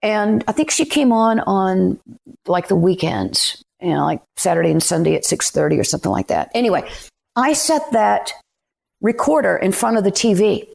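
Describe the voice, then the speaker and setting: Middle-aged Southern woman, guest author, emphatic storyteller with a gravelly edge. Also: medium pitch, very animated, normal speed, darkish tone. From Anderson, South Carolina. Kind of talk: storytelling interview.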